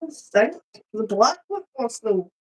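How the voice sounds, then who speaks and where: Giggly teasing woman, higher voice. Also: expressive, measured pace, slightly rough.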